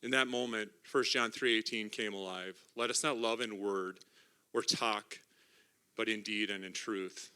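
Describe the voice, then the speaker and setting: A middle-aged man giving an emotional church testimony about a mission trip, partly reading from notes, earnest and halting with restarts. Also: on the low side, steady tone, pushed and bright, clean tone. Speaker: mission trip team member sharing testimony. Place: church sanctuary.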